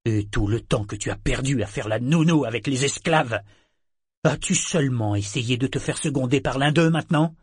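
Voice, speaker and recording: A man voicing a bitter, domineering father, loud and contemptuous in his anger. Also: medium pitch, moderate pace, husky, dry recording, studio quality, lightly acted. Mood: raging. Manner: contemptuous, scornful, shouting in rage. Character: bitter domineering father, furious sea captain.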